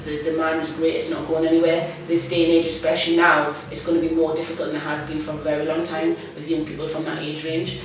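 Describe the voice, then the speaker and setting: A woman youth worker giving a reflective documentary interview with many ums, recorded with a far-off mic in a very echoey, noisy room. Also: deep voice. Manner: reflective, thoughtful, with frequent ums.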